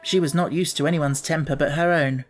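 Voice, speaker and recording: A woman with a slightly low voice narrates a children's book as an audiobook reader, giving a scripted, expressive storytelling performance at a fairly quick pace.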